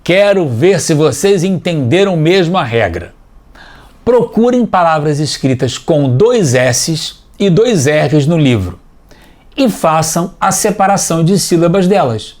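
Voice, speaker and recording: A man teaching a scripted TV language lesson for children, explaining clearly and patiently, step by step. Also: a little high, lively intonation, measured pace, a little mellow.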